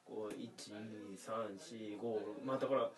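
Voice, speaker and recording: A man's voice: on the low side, fairly even intonation, slow pace, recorded from a distance, crowd noise. A man in his thirties from Aomori with a faint Aomori intonation mixed with Nagoya traces, a comedian rambling through stories in casual podcast chat and laughing often. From Aomori, Japan. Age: 30s. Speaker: comedian co-host.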